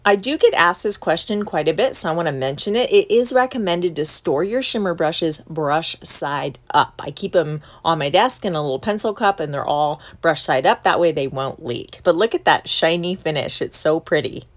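A woman's voice: low voice, expressive, normal speed, hardly any pauses. A middle-aged woman hosting a casual crafting tutorial, chatty and upbeat as she explains each step in a voice-over. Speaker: craft channel host.

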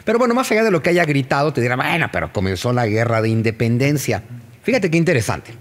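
In casual conversation, a man with a Mexican accent explains history, animatedly firing rhetorical questions at the listener. His voice is mid-range and he talks fast.

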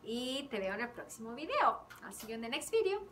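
Teacher lady, bright high voice, slow and gentle, sounds a little far from the mic in a classroom. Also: sing-song. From Chile. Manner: switches between Spanish and English, sings with ukulele. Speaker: kindergarten teacher. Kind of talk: bilingual song lesson. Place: classroom indoors. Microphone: camera a few feet away.

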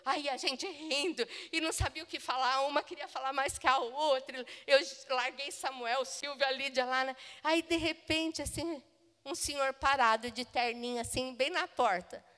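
A woman pastor with a Brazilian Portuguese accent, preaching and telling an anecdote in an animated, laughing way. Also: sits high, moderate pace, in a large hall. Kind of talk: sermon with a personal anecdote. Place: church auditorium.

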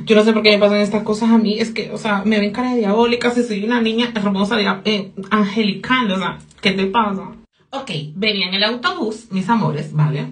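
A woman's voice: medium pitch, a little fast. A young woman vlogging a gossipy story casually, giggling, swearing freely and dropping in English phrases.

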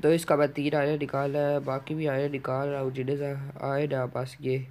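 A man's voice: mid-range voice, completely flat delivery, a little mellow. A man commentating his own gameplay, urgently repeating words as he plays. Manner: urgent, repeats words rapidly while playing. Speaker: gaming YouTuber.

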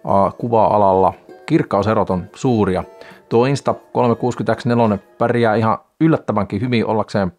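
A middle-aged man talking to the camera from a small home studio, reviewing a camera in a calm, unhurried way with frequent hesitant fillers. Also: on the low side, soft background music. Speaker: sailing channel host.

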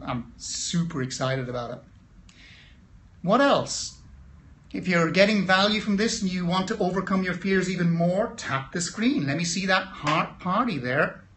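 A man's voice: a little high, fairly bright tone. A man, a mindset coach, giving an emphatic, encouraging motivational talk on a phone livestream.

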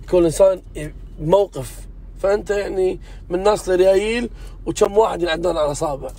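Gravelly rapid-fire man. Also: high-pitched, warm tone. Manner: earnest and insistent, swears he means it. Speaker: vlog host. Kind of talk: casual chat. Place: inside a car.

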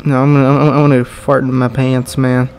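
A young man rambling through casual gameplay commentary, full of "like"s, with bursts of yelling. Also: mid-range voice, little pitch movement, fairly quick, clean tone, soft background music. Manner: rambling, many "like"s, bursts of yelling while racing. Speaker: gaming YouTuber.

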